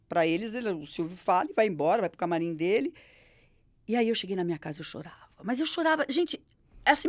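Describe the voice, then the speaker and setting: A middle-aged Brazilian Portuguese woman telling stories in an interview, animated and acting out the voices of the people she quotes. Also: a little high, dry recording. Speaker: interview guest. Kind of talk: storytelling in an interview.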